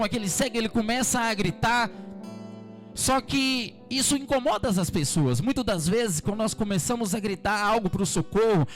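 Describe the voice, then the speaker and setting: Brief: Brazilian male pastor, high voice, fervent repetitive exhortation, faint music underneath. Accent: Brazilian Portuguese. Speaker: preacher. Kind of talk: evening church sermon. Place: church service.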